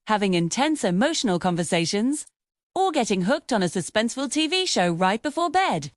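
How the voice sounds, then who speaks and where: Lively high-voiced woman, vlogger-style host. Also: no room sound, clean studio sound. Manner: direct address to viewers. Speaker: host of a health channel. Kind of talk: vlogger-style scripted health explainer.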